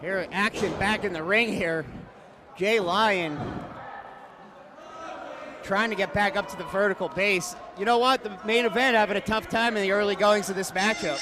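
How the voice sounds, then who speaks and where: A man's voice: high-pitched, normal speed, pauses often. A man giving live wrestling commentary as a commentator, with conversational banter around the action. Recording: very noisy event-hall recording.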